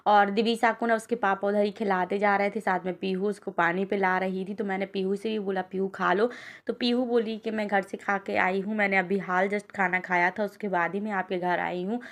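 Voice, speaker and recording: A woman's voice: medium pitch, flat delivery, normal speed. A woman in her thirties narrating her family day in a chatty, homely way. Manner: chatty, homely, talks to kids in a sing-song voice. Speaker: vlogger, homemaker. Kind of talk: casual vlog narration.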